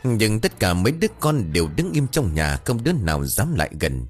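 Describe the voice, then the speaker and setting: A man's voice: lowish voice, big pitch swings, fairly quick, faint music behind. A man narrating a ghost story with dramatic, ominous storytelling.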